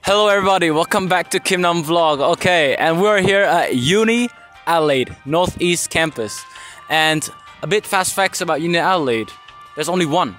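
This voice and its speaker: A man hosting a casual street-interview vlog on a university campus, upbeat and quick to react with surprise. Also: on the high side, fairly bright tone, faint music behind. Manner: upbeat, easily impressed, many short reactions. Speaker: vlog host interviewing students. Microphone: handheld phone held out to the guest.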